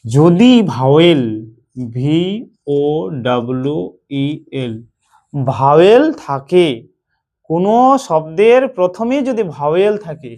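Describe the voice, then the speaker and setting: A man teaching English pronunciation in a slow lesson, with a Bengali accent, repeating himself and asking and answering his own questions. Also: on the high side, dark tone.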